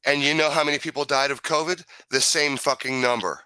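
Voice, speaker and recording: Male talk host, bright forceful voice with smoker's rasp, emphatic, sweary, repeats points, close dry sound. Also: on the high side, fairly even intonation, fairly quick, dry recording, low-quality recording. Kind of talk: casual opinionated talk.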